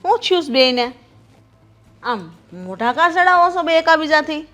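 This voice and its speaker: An actress playing a mother-in-law who scolds and tries to calm her two quarrelling daughters-in-law. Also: high-pitched, normal speed, soft background music, full character voice. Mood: exasperated. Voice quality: scolding, exasperated. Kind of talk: village family drama acting.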